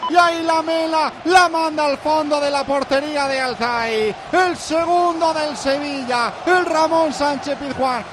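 A man with an accent from Spain shouting breakneck football goal commentary with drawn-out, repeated calls over a noisy stadium broadcast. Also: extremely high pitch. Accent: Spanish from Spain.

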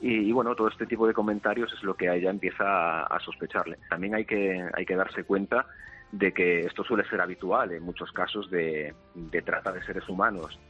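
A man's voice: low voice, fairly even intonation, moderate pace, fairly bright tone, husky, faint music behind. A male journalist explaining a case in a radio clip, hesitant and repeating words. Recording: dull, lo-fi radio audio.

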